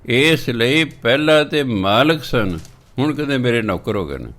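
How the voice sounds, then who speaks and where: A man delivers a religious discourse in a steady, middle-pitched voice. He slows down to chant verses and then explains them word by word, breaking in with lively anecdotes. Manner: tells anecdotes with acted quotes. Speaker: Sikh preacher giving scripture exposition.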